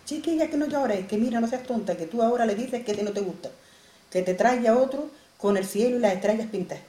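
A brisk, scolding village neighbor, all quick advice and coaxing, as a woman storyteller puts her on. Her voice jumps higher and livelier than the teller's own, mellow in tone. It rings in a roomy space with a faint hum behind. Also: close to an everyday voice. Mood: excited. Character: bossy, resourceful woman neighbor, clever adviser.

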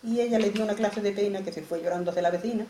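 A woman's voice: mid-range voice, racing, warm tone, a little hiss or hum. A woman telling a traditional folk tale in a plain, homely way. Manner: plain, homely, repeats "dice". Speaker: storyteller. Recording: roomy echo, faint ambience.

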